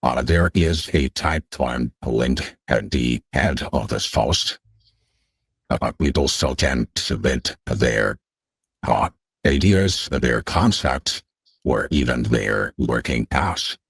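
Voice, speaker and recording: A man speaking through a voice changer as a podcast guest, halting with many fillers. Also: a bass voice, husky, dry recording, clean studio sound. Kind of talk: casual chat.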